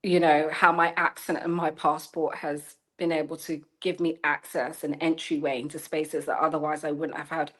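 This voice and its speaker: Woman in her 30s, lowish voice, thinking out loud in an interview, lots of you know and restarts. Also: little pitch movement, moderate pace, hardly any pauses. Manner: thoughtful, searching, with frequent "you know" and restarts. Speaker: guest, journalist and storyteller. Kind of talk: reflective interview conversation. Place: lives in China.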